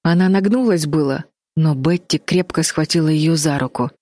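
Female audiobook narrator, low and steady, dry booth sound. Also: moderate pace, no echo. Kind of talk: scripted narration.

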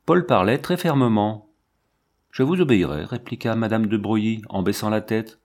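A man reading a classic novel aloud in a measured literary manner, shifting his pitch for the characters. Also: lively intonation, a little mellow. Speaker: audiobook reader.

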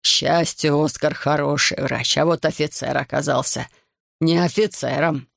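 A man voicing a distraught heavyset businessman begging for help for his arrested son, in a slow, broken, pleading way. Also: a little high, steady tone, vocal fry, fairly bright tone, no echo, studio quality. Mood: desperate pleading. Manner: desperate, pleading, slowed and broken.

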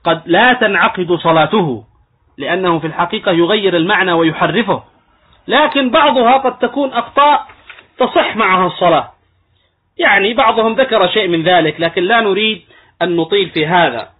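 A man with a high, husky voice gives a religious lecture on law. He explains each point step by step and sometimes acts out mistaken pronunciations. The sound is thin and tinny, like a phone line. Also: a little fast. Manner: explanatory, demonstrates wrong pronunciations. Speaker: Islamic scholar teaching jurisprudence.

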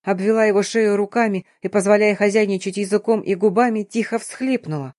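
A woman's voice: mid-range voice, brisk, a little mellow, no echo, studio quality. Woman narrating an intimate romance audiobook.

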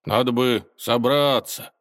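A man voicing a boastful, toothless old male forest robber in a storybook, squeaky and quick to take offense. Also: fairly even intonation, fairly bright tone. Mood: chummy. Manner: squeaky, petulant, easily offended. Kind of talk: storybook character voice.

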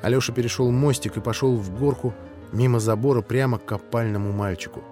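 Measured male audiobook narrator. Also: medium pitch, soft background music. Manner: measured, expressive. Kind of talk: scripted literary narration.

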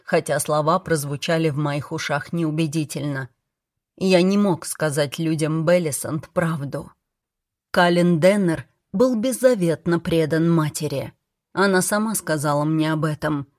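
Brief: woman narrator, low voice, measured first-person audiobook read, dry close sound. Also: darkish tone, no room sound.

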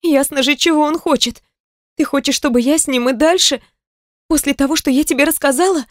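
A woman's voice: high voice, fairly quick, no echo, clean studio sound, voice pushed up, lightly acted. A woman voicing a tense angry younger sister. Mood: shocked. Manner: tense, hissing, clipped. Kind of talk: audiobook character voice.

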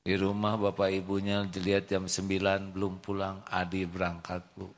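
A male preacher telling a story in a sermon, slowly and vividly acting out the characters. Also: sits low, completely flat delivery. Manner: slow storytelling, acts out voices. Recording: reverberant hall.

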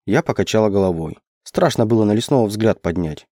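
A man narrating a first-person novel in an even, measured storytelling manner. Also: on the low side, no echo, clean studio sound. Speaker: audiobook reader.

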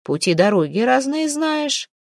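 A woman's voice: sits high, sing-song, measured pace, creaky, no room sound, studio quality, pitched above the performer's own voice, full character voice. A woman reading the lines of a stern middle-aged warrior chief who asks short, commanding questions. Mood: stern questioning. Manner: curt, questioning, authoritative.

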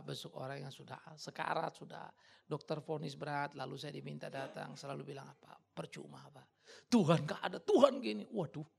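A man preaching a sermon as a pastor, dramatic and colloquial, swinging from hushed tones to shouting and talking straight to the congregation. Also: fairly high pitch, creaky, slightly rough.

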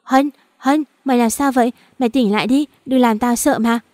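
A woman's voice: a little high, normal speed, a little mellow, no echo, voice pushed up, natural voice. A woman voicing a loyal, worried young female best friend in an audio story, in an anxious, caring manner. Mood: alarmed. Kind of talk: audiobook dialogue.

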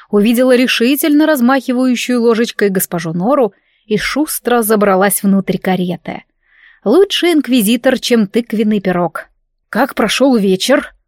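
A woman's voice: on the high side, a little mellow, no echo, studio quality. Woman narrating a first-person audiobook. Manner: voices each character in dialogue.

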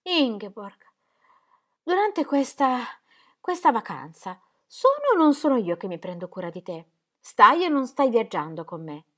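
A woman's voice: on the high side, big pitch swings, unhurried, bright, forceful tone, pitched above the performer's own voice, exaggerated voice. A woman reading aloud, voicing an irritable, impatient male painter who bursts out emphatically. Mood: pleading. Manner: exasperated, emphatic outbursts.

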